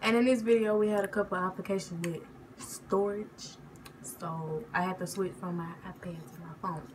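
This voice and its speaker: Young woman, lowish voice, casual matter-of-fact vlog chat, noisy home sound. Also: fairly even intonation, moderate pace. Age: young adult. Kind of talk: casual eating-challenge chat. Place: living room at home. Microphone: device at arm's length. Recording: clearly noisy home recording.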